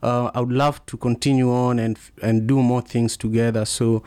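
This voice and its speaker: A man with a strong Kenyan accent hosts a conversational podcast. He grew up speaking Luo and Kiswahili, and his voice sits at a middle pitch in a dry, close recording. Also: flat delivery, moderate pace, mellow, no room sound. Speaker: podcast host. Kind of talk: casual conversational interview.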